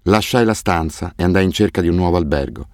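A man narrating a novel in the first person, with a measured, softly subdued reading. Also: low-pitched, no room sound, clean studio sound. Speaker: audiobook narrator. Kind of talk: scripted narration.

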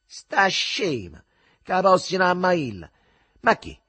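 A man voicing a loud, indignant middle-aged woman with a Roman accent, scolding shrilly. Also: sits high, big pitch swings, takes it slowly, husky, pitched above the performer's own voice, exaggerated voice.

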